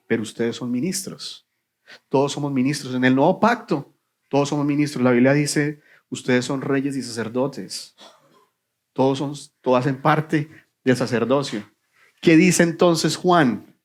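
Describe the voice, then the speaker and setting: Male pastor, mid pitch, sermon delivery, question-and-answer rhythm, hushed answers. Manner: preaching with rhetorical questions and answers; drops to a low, quiet voice on key answers. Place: church sanctuary.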